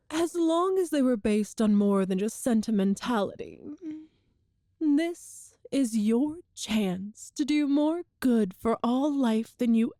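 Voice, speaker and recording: In a scripted, ASMR-style audio roleplay monologue addressed to the listener, a woman plays a cruel, seductive empress, speaking slowly in a soft, mellow, fairly high voice. Her delivery is regal and teasing, her phrasing formal and calculated, recorded close and dry with no room sound.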